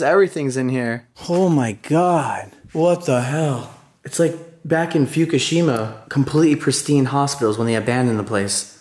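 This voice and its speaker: A young man in his twenties hosting an exploration vlog inside a dark abandoned hospital, talking excitedly and exclaiming at what he finds, recorded on a handheld camera mic. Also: on the high side. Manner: excitable, exclaiming, swearing casually. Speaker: urban explorer host.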